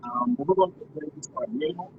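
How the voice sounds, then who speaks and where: A man's voice: high-pitched, big pitch swings, racing, a little hiss or hum. A man hosting a casual live interview, his voice muffled as if heard through a wall. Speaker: host of a live online conversation.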